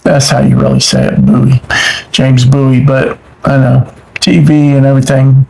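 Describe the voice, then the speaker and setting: A man's voice: medium pitch, little pitch movement, normal speed, vocal fry, rough recording. A middle-aged man, chatting casually and exclaiming with delight as he unboxes mail for his channel. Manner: warm-hearted, easily delighted, exclaims often.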